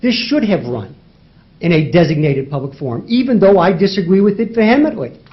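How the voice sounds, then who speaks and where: On a dull, lo-fi recording, a male lawyer in federal court makes his oral argument to a judge at a fairly quick, animated clip. His voice sits high for a man, and he leans on rhetorical questions and repeated key words to drive his points home.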